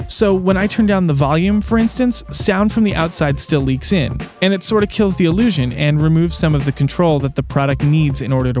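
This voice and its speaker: A man with a fairly high, dry, close-miked voice hosts a tech video. He delivers scripted narration in a wry, conversational way, with some music behind him. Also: a little mellow. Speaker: host and reviewer. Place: small soundproofed closet.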